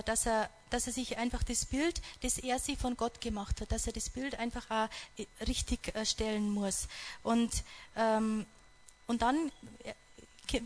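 Earnest woman retelling a story. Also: a little high. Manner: earnest, reflective, stops and restarts often. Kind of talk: retelling a story in a devotional talk.

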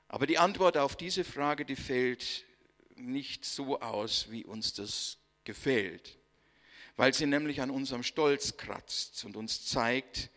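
A man gives a sermon at a deliberate, unhurried pace, his voice bright and pressing. He leans into key words and lets phrase endings sink almost to a whisper. The sound rings with a long reverb, as in a church hall. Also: mid-range voice. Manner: slow, emphatic preaching with dramatic pauses and soft, dropped line endings. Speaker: preacher.

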